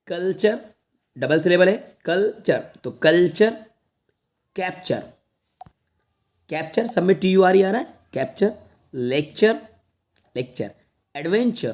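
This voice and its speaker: A man leads an online lesson aimed at students. He reads each word slowly and repeats it several times. He keeps reassuring the viewers, who he calls children. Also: high voice, darkish tone. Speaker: English teacher.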